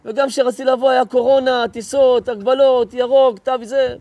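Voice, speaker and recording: A man's voice: extremely high pitch, steady tone, warm tone, dry recording. A man, a rabbi, giving an emotional storytelling lecture, earnest and urgent, acting out the people in his stories. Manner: vivid, acts out dialogue in stories.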